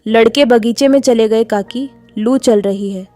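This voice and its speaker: A woman's voice: on the high side, unhurried, warm tone, no room sound, faint music behind, lightly acted. A woman reading a sulky young village husband. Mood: bitter. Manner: curt and bitter.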